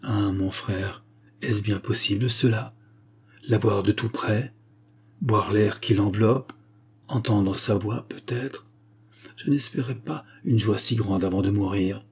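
A man's voice: on the low side, steady tone, takes it slowly, darkish tone, slightly rough, exaggerated voice. A man voicing a lovesick young man who speaks with vehement anguish. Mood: awed.

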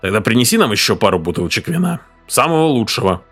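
A man voicing a boastful, excitable farmer father who blusters and shouts. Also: lowish voice, fast, breathy edge, soft background music, full character voice. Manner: blustering, shouting, then whispering.

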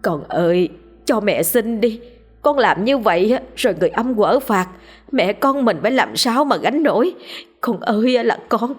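A woman's voice: on the low side, unhurried, husky, faint music behind. A woman voicing a meek older mother who pleads tearfully with her son in a narrated ghost story. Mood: pleading, sorrowful.

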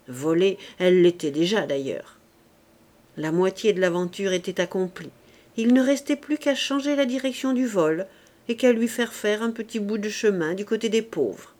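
Woman narrator for a classic novel audiobook, unhurried and expressive. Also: on the low side.

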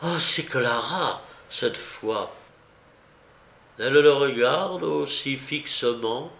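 A male audiobook reader narrating a classic novella in a measured, grave manner. His voice is gravelly and his delivery unhurried. The reading sounds roomy, with a noticeable echo. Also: mid-range voice, a bit bright. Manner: slow, measured, grave storytelling. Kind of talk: scripted literary narration.

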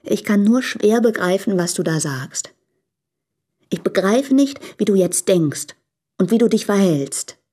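A woman's voice: mid-range voice, lively intonation, unhurried, dark tone. An actress playing a married woman in a radio play, torn between her husband and a lover, speaking earnestly and pleadingly.

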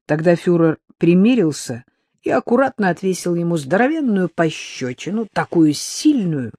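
An audiobook reader narrating a story in a wry, expressive manner. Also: mid-range voice, moderate pace, no room sound, clean studio sound.

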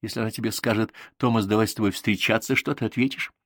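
A man's voice: on the low side, fairly even intonation, fast talker, dry recording, studio quality. A man voicing a bossy, mocking young girl who wears glasses. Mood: teasing. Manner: mocking, sharp-tongued.

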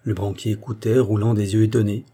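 A man narrating an audiobook in a measured, even way. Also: fairly low pitch, husky. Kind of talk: scripted narration.

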